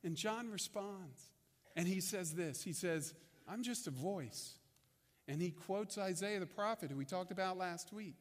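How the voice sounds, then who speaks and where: A man with a notably high voice delivers a sermon to his congregation. His delivery is conversational and unpolished, with frequent restarts and repeated words. The sound carries the long reverb of a large church hall. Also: normal speed. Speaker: pastor.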